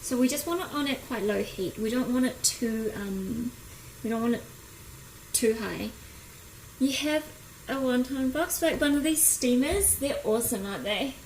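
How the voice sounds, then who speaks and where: A woman's voice: fairly high pitch, normal speed, darkish tone. A woman with a broad New Zealand accent chatting casually and informally as she hosts a cooking livestream and greets viewers. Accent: broad New Zealand (Kiwi). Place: indoor home kitchen. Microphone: phone, at a little distance. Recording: echoey room, clear kitchen noise. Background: sizzling pan, stirring, kitchen noise.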